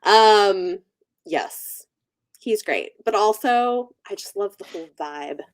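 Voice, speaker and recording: On her book channel livestream, a woman chats casually, taking it slowly in a medium pitch with lively intonation. She's informal and clearly excited about the things she enjoys.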